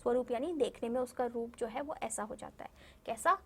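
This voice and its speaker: High-voiced woman teaching young children. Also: gravelly, husky. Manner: patient, repeats words slowly and drills vowel signs; addresses the children warmly and often checks understanding. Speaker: primary school Hindi teacher. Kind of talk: online video lesson for young children.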